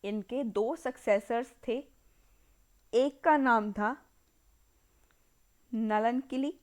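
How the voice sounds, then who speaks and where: A woman with an Indian accent giving an exam-prep history lecture, slowly repeating key terms as if dictating and mixing Hindi with English words. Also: a little high, a little mellow. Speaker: history teacher.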